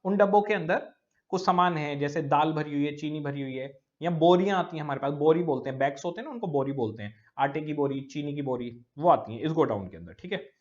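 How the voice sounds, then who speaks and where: A man's voice: on the high side, fairly quick, highs cut off. A male teacher giving a recorded lecture. He explains step by step, repeating key words and often checking that students follow.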